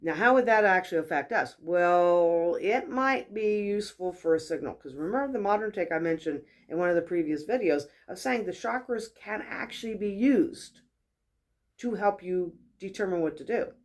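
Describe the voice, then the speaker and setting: A chatty woman hosts a casual spiritual teaching talk. She tells stories in a lively, conversational way and acts out the voices of the people she quotes. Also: on the low side, normal speed. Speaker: host, wellness mentor.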